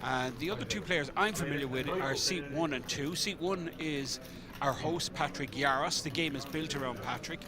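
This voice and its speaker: An Irish man leads live poker commentary in a fairly high male voice. He is chatty and colloquial, with hesitant asides, and a loud crowd is heard behind him. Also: normal speed, few pauses. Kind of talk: casual unscripted live commentary.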